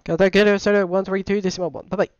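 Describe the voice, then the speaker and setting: A man's voice: high voice, flat delivery, very fast, no room sound, highs cut off. A man with a French accent, French his first language, making hesitant English radio calls and cockpit callouts over a pilot headset as a flight simulator pilot.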